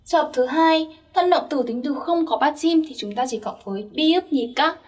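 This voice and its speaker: A woman's voice: sits high, expressive, normal speed, a little mellow, recorded from a distance. A young woman teaching Korean grammar step by step, patiently checking that her listeners follow. Her first language is Vietnamese.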